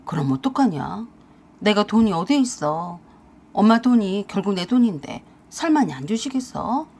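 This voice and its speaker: A woman's voice: mid-range voice, big pitch swings, moderate pace, dark tone, slightly rough. A woman voicing a lazy, scheming husband who wheedles and defends himself in a radio-drama story reading. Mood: wheedling.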